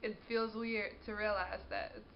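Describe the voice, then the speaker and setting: A woman's voice: mid-range voice, little pitch movement, moderate pace, gravelly, lo-fi sound, noisy background. A woman in her twenties chatting to camera in a vlog, congested from a cold and sniffling, talking casually and laughing often. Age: 20s. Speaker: vlogger.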